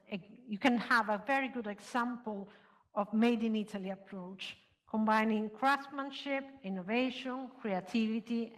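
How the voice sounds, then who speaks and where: A woman moderating a conference panel, introducing speakers and putting questions to them. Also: a little high. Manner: introduces speakers and asks questions, light laughs.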